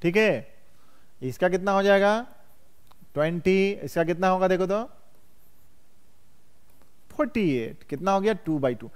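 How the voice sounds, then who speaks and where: Male math teacher, high and clear, classroom lecture full of questions to students. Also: animated, unhurried, pauses often. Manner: quizzes students constantly, calls them "बउआ".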